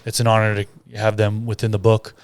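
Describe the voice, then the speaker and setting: A man co-hosting a podcast, speaking in an even, plain-spoken casual chat. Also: lowish voice, brisk, a little hiss or hum. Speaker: podcast co-host and book author.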